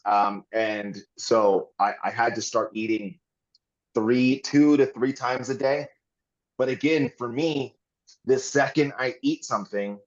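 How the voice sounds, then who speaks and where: A man's voice: mid-range voice, muffled recording. A man guesting on a podcast, talking candidly and earnestly in long rambling runs with frequent restarts.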